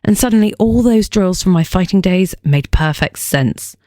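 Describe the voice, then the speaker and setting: A female fitness coach hosts her podcast in a punchy, playful way, tossing in joking asides as she explains. Her voice sits at an ordinary middle pitch. It is recorded close and dry, with no room sound around it. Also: lively intonation, normal speed, dark tone, dry recording.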